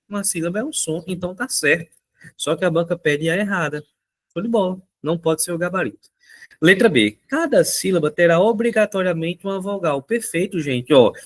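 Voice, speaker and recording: Male teacher, slightly high voice, lively and chatty while going over answers. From Brazil. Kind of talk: recorded exam answer walkthrough.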